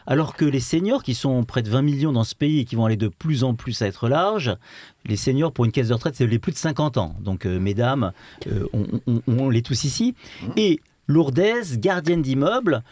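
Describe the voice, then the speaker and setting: A man's voice: medium pitch, expressive, moderate pace, darkish tone, dry recording. A man interviewing and introducing a guest, speaking emphatically and full of praise. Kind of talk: enthusiastic interview presentation.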